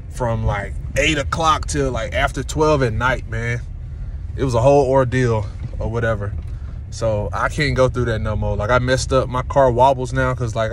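A man, chatting casually in a vlog, relaxed and rambling, cussing freely. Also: medium pitch. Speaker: vlogger. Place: in a parked car, then outdoors by a lake. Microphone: phone held at arm's length. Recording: noisy outdoor phone recording.

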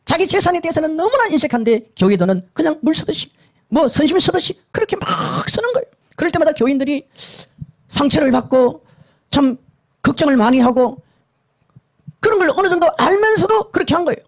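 Very high-voiced, animated male preacher. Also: a little fast. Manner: emphatic and repetitive, swinging between low hushed and high urgent tones. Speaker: pastor. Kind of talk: sermon recounting a vision.

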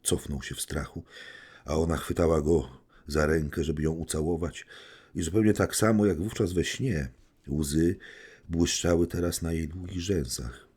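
A man reading a classic novel aloud as an audiobook narrator, measured and steady. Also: a bass voice, husky. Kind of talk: scripted literary narration.

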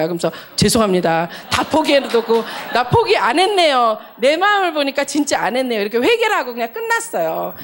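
A middle-aged woman shares a testimony from the pulpit, her voice sitting a touch high and swinging widely as she tells the story. She slips into the voices of the people in it and talks with an easy, animated warmth. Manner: animated storyteller, acts out dialogue with big pitch jumps and laughter. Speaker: missionary giving a testimony.

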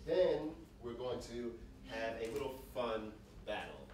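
A man leading a workshop, coaching a group through breathing and voice warm-ups with short encouraging prompts, often checking in with "right?". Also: mid-range voice, lively intonation, slow. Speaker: workshop leader. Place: large room with an audience. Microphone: handheld mic, off-mic at times. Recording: echoey room, distant mic, audible noise.

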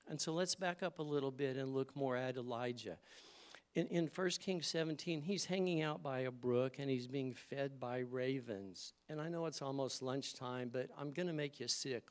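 A middle-aged man giving a church sermon to a congregation in a conversational, storytelling way. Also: medium pitch. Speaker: guest speaker. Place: church service.

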